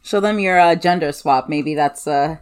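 A woman's voice: low voice, moderate pace, a little mellow, a little hiss or hum. A woman co-hosting a casual podcast, talking informally and a little hesitantly, in a self-deprecating way. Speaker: co-host.

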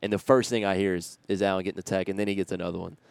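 A man's voice: deep voice, steady tone, rapid-fire, gravelly, noisy background. A man hosting a sports show in an informal, slangy, conversational way. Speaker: sports show host and radio broadcaster. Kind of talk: casual conversational sports talk.

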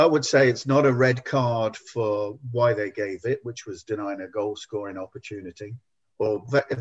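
A lower-pitched man talks through a refereeing decision in a hesitant, considered way, often pausing on "um". The audio is a little dull and lo-fi, like a modest podcast setup. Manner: hesitant, measured, lots of ums. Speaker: pundit, former player. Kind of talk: podcast football discussion.

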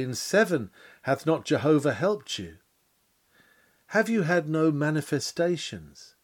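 A man's voice: a little high, darkish tone. A man delivering a sermon in solemn, old-fashioned biblical language, full of rhetorical questions. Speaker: preacher. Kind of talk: sermon reading.

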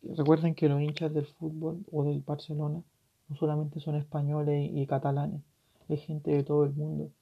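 A tearful man with a Chilean accent hosting a solo podcast, ranting passionately and swearing, his voice swinging from loud to hushed. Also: on the high side, monotone, normal speed, creaky, slightly rough. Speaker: podcast host. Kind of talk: emotional solo podcast rant. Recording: dull lo-fi recording.

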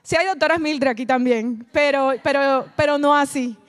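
A woman, animated as she tells a personal testimony and speaks straight to her audience. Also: high voice, moderate pace. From Colombia. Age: adult, mother of a child. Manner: animated storytelling, addresses the audience directly. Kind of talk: emotional personal testimony talk.

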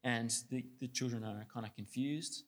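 A man's voice: medium pitch, steady tone, normal speed. Man preaching with fillers and restarts. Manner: reads scripture steadily, then preaches with many fillers and restarts. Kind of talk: sermon with scripture reading.

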